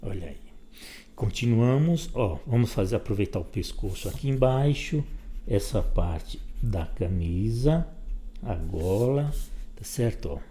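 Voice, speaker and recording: A man's voice: on the low side, expressive, a little slow, mellow. A man teaching a step-by-step drawing lesson, giving patient instructions while he sketches.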